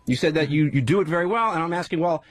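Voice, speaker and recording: A man's voice: fairly high pitch, expressive, fast. A man ranting angrily at a coworker during a live radio show, swearing heavily. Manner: angry, ranting, heavy swearing. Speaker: radio show staff member. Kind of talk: heated on-air radio argument.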